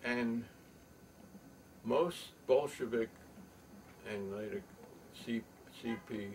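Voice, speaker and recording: Rambling older man, gravelly voice. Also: mid-range voice, a little mellow. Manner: rambling, halting, many fillers. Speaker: show host. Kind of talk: rambling casual storytelling. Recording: distant mic with faint room noise.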